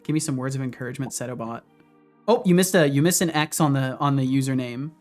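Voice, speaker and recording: A streamer and game developer in his thirties chats casually with viewers while coding in his home office, his medium-pitched voice moving at a quick pace. He's relaxed, talking to chat between coding asides, with faint music playing behind him.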